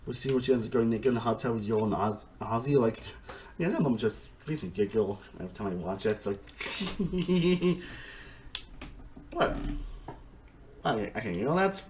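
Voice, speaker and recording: A man giving a casual, rambling review monologue, excitable, with frequent restarts and swearing. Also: mid-range voice, a little fast, a little hiss or hum, rough recording. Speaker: reality TV reviewer.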